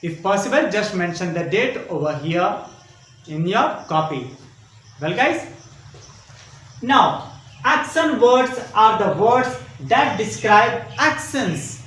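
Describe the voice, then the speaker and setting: An online teacher with an Indian English accent gives a patient, repetitive grammar lesson for young children, explaining through questions. The voice is medium-pitched, animated and a bit bright, and it takes things slowly. The audio is poor, in an echoey room.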